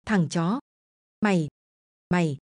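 A woman's voice: fairly low pitch, slow, no room sound, studio quality. A woman voicing a desperate young man who cries out in anguish at his friend's betrayal, in a horror story. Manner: shouting in anguish.

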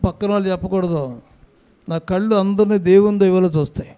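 Speaking into a church microphone, a pastor with an Andhra Telugu accent exhorts the congregation to call out their responses during his sermon. He has a high, warm, clean voice and talks a little fast.

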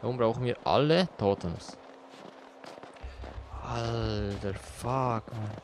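Scared horror game streamer guy, talks slow, jumpy mutters, noisy background. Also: medium pitch, steady tone. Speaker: gaming streamer, let's play host. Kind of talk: casual horror game commentary. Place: small cluttered room at home.

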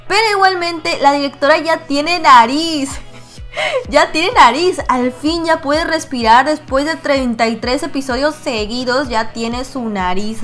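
A woman's voice: high voice, fairly bright tone. A young woman, reading a dating game's lines aloud and chatting playfully about them. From Mexico. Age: 20s. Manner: playful, voices the characters, laughs often. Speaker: gaming YouTuber.

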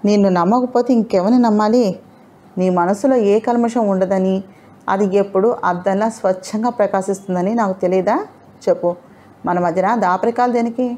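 A woman narrator voicing an earnest, upright young male doctor who speaks in a gentle, sincere way. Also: mid-range voice, steady tone, moderate pace, natural voice. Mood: warm.

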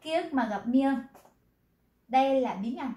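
A woman teaching, patiently explaining, quizzing the class and repeating words slowly. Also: sits high, expressive, dark tone, reverberant. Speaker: Korean language teacher.

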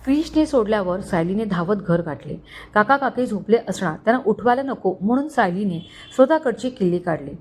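Female storyteller, scripted story narration, steady and expressive. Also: mid-range voice, brisk, slight background noise.

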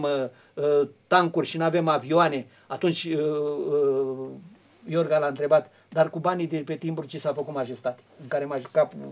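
A man speaks on a television studio discussion. He explains history in long, winding sentences with frequent hesitations and restarts. His voice sits somewhat high for a man. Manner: long rambling explanations with many fillers and restarts.

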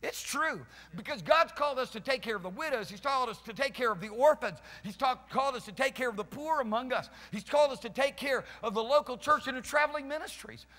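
Man in his fifties, pastor, very high bright voice, fervent emphatic preaching, long hall reverb. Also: lively intonation, fast talker, few pauses. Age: 50s. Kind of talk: sermon. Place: church hall stage with band gear, live congregation. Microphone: headset mic, preaching while pacing and gesturing.

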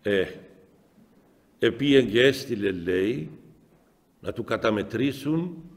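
Cypriot greek bishop guy preaching, middle-aged, storytelling, goes loud then soft, long chapel echo. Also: medium pitch. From Cyprus. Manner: storytelling, lively swings between loud exclamations and soft asides. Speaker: metropolitan bishop. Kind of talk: spiritual talk answering the faithful.

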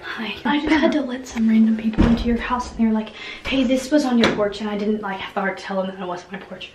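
A woman's voice: on the high side, fast talker, reverberant, far from the mic, background noise. A young woman chatting with a friend, giggly and teasing. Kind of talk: casual chat.

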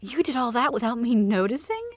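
A woman voicing a gentle, caring mother in an audio drama, speaking warmly and tenderly. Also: on the high side, big pitch swings, a little fast, dry recording. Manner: warm and tender.

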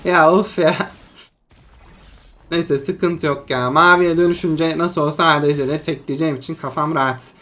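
A young adult mobile-game creator narrates a match in a chatty, friendly way, as if talking to friends. The voice sits at a medium pitch and jumps into excited yelps and shouts in tight moments. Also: moderate pace. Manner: excitable, bursts into yelps and shouting in tense fights; chatty, addresses viewers as friends. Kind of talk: live gameplay commentary.

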